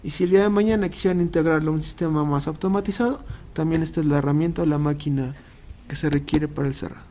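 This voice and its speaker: A man's voice: fairly high pitch, steady tone, fast talker, warm tone. A man demonstrating a machine to clients, explaining step by step with frequent hesitant fillers and restarts.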